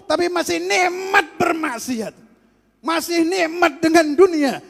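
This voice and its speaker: A man preaching a religious sermon, moving from quiet teaching to loud, fervent exhortation. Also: very high-pitched, vocal fry, big-room sound.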